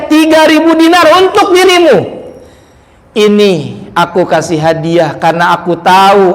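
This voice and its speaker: A man preaching a storytelling sermon in a mosque, animated and acting out the characters he describes. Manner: animated, acts out characters with pitch jumps. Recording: long hall reverb.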